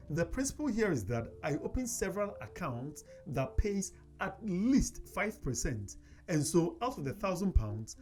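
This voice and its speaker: A man hosts a personal finance video, talking casually to the camera and often saying "you know." His voice is a little high with a darkish tone, and faint music plays in the background.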